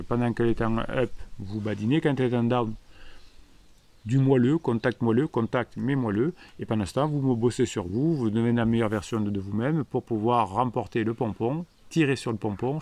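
A man's voice: medium pitch, a little mellow, dry recording. Emphatic, scolding French male coach. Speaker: relationship coach. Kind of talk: live-stream reading comments.

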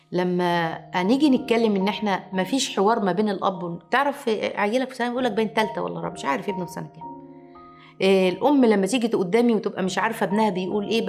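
A woman with an Egyptian accent delivers an informal parenting lecture at a rapid clip. She drives her points home with repetition and rhetorical questions. Faint music plays underneath her voice. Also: medium pitch, vocal fry, a little mellow. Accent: Egyptian Arabic.

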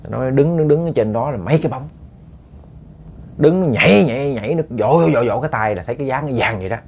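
A man's voice: medium pitch, rapid-fire, a little mellow. A man with a Southern Vietnamese accent telling a ghost story to listeners, casual and chatty with many repeated words.

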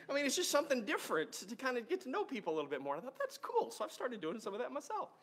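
A man's voice: very high-pitched, very animated, rapid-fire, fairly bright tone, breathy edge. A man, a pastor chatting casually with his congregation and laughing often. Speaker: pastor leading praise time. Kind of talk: casual church talk with congregation.

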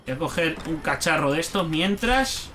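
Excitable Spanish gamer, high lively voice. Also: male voice, normal speed, soft background music. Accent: Spain Spanish. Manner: excitable, swears a lot, talks to himself. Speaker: gaming YouTuber. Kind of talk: let's play commentary.

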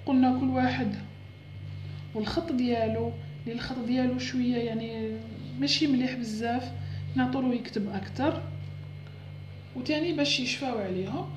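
A woman's voice: a little high, dull audio, background noise. A woman teaching letters, echoey room. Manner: explains patiently, sounding out syllables slowly. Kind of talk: home lesson on Arabic letters for parents.

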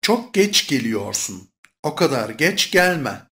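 A speaker reads short course phrases at a measured pace. The voice is mid-pitched, and the intonation moves up and down a lot. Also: very animated, fairly bright tone. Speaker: Turkish phrase reader. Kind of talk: scripted phrasebook reading.

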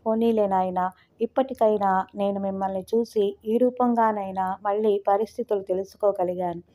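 A remorseful, generous old landowner from a spoken novel, as a woman reads him. He talks gently and in a fatherly way. The voice is mellow and warm, at a middle pitch. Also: lightly acted. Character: kindly older male landowner, remorseful and generous.

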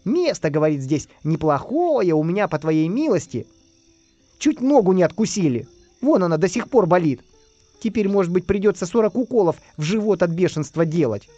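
A man's voice: high-pitched, sing-song, moderate pace, warm tone, dry recording, soft background music. A man voicing a cowardly, boastful male spy and robber in a whiny, squealing way. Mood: bragging.

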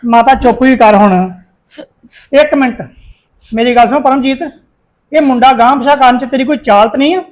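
A man's voice: extremely high pitch, fairly even intonation, brisk, long pauses. A middle-aged man acting as a stern, suspicious husband and son who scolds his wife in a family drama. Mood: accusing. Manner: accusing, scolding.

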